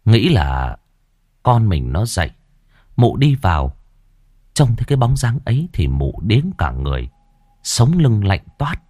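A male storyteller with a deep voice narrates a horror tale, his pitch rising and falling in a lively, dramatic way. The recording is dry and close to the mic, with no room sound. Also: a little slow, long pauses, dry recording.

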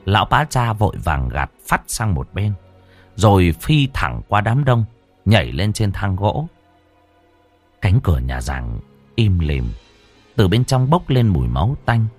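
A man narrating a horror story with dramatic, lively storytelling. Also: low-pitched.

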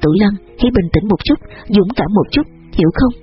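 A man playing a firm, calming young man. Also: high voice, fairly quick, dull audio, faint music behind. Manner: steady, firm, reassuring. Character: calm, firm young man comforting a girl.

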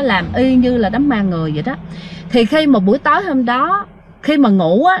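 A woman's voice: a little high, a little hiss or hum. A woman telling a ghost story in a casual, chatty way, talking straight to her listeners. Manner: chatty, addresses listeners directly, many fillers.

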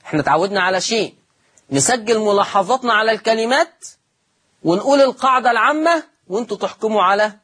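An Egyptian woman teaches Quran recitation in a breathy, slightly husky voice of ordinary pitch. She explains patiently, repeating each rule, and asks her listeners rhetorical questions. When she quotes a word, she draws it out slowly. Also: animated, fairly bright tone. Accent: Egyptian Arabic. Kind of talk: explanatory religious lesson.

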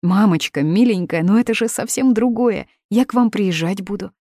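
A woman's voice: mid-range voice, moderate pace, warm tone, dry recording, pitched above the performer's own voice, lightly acted. A woman reading the part of an eighteen-year-old daughter, pleading and emotional, in a dry, close recording.

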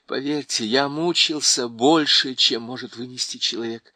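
A man's voice: medium pitch, moderate pace, sharp tone, no echo. Man voicing a desperate bewitched knight. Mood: pleading. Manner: urgent pleading. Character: desperate bewitched young knight, pleading then raging.

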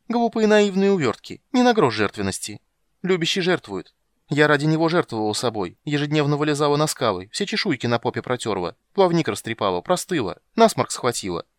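A man voicing a vain, shrill female sea siren who talks in a sing-song, indignant way. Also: dry recording, close to an everyday voice.

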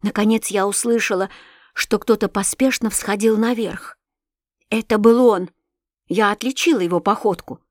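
A woman narrating a classic novel as an audiobook, in an expressive, emotional way. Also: medium pitch, moderate pace, dry recording, clean studio sound. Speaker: audiobook reader.

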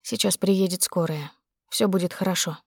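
A woman's voice: medium pitch, fairly even intonation, moderate pace, a little mellow, no echo, clean studio sound, lightly acted. A woman voicing a furious middle-aged husband who barks clipped, harsh orders. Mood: gentle.

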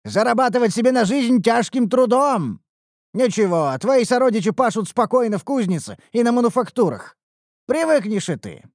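A narrator voicing a grumpy, indignant male blacksmith who scolds loudly in an audiobook. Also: mid-range voice, very animated, moderate pace, dry recording, clean studio sound, voice pushed up. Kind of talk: audiobook character voice.

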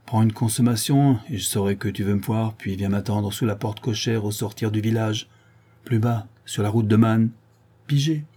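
A man's voice: on the low side, normal speed, mellow, husky. A man voicing a shady rural drifter who works as a hired thug, talking evasively and with a sneer.

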